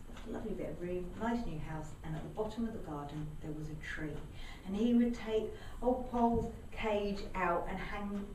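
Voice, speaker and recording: A woman telling a local folk story aloud to a live audience, in a lively, animated way. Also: on the high side. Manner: lively, animated, voices characters. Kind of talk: live oral storytelling performance. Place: indoor storytelling venue. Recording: echoey room, mic far off, faint background noise.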